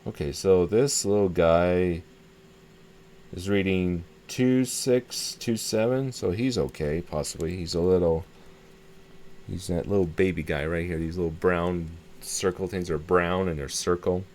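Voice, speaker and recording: In a deep, somewhat mellow voice and at a slightly slow pace, a hobbyist host demonstrates a radio repair by hand. He's casual and tentative, thinking out loud and often saying things twice, over clearly audible background noise.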